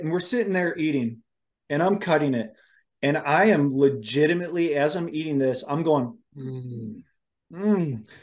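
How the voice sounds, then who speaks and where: A man hosting a casual chat, telling animated stories about cooking wild game and laughing often. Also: a little high. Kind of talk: casual conversation.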